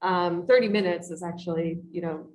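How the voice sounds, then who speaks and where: A woman co-presenting a teaching workshop in a casual live software demo, chatty and full of ums and you-knows, heard over a video call. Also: lowish voice, steady tone, normal speed, a little hiss or hum. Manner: chatty, many fillers like um and you know.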